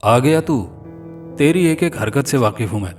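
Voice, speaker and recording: A man's voice: mid-range voice, expressive, moderate pace, distant mic, soft background music, natural voice. A man doing a brutal, growling police inspector. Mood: menacing. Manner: abusive, threatening.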